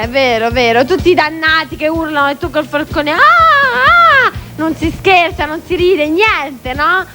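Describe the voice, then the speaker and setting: A woman's voice: sits high, bright, forceful tone. A woman hosting a TV variety show in a studio, chatting in a teasing, playful way with a costumed guest.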